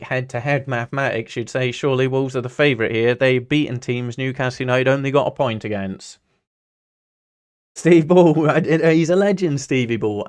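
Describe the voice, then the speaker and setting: A Singaporean Newcastle fan hosts a casual football watch-along livestream, his voice clean and medium-pitched. He rambles chattily, moving between viewer chat, anecdotes and play-by-play.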